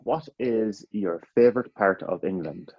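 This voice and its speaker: A man co-hosting a casual podcast, firing off quick questions and cracking jokes with frequent laughs. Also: on the low side, slightly rough, no room sound, dull audio. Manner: jokey, laughs often. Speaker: podcast co-host.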